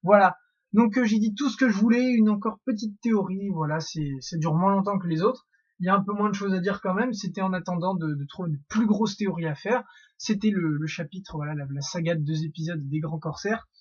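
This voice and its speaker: A man's voice: high voice, brisk, slightly rough, highs cut off. A young man hosting a casual theory monologue, rambling with many fillers and restarts. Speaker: YouTube theory host.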